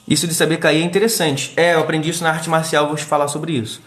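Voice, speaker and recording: A middle-aged man from Brazil, a therapist hosting a casual live stream, talking in an animated way and acting out quick quoted voices. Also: fairly high pitch. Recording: echoey room.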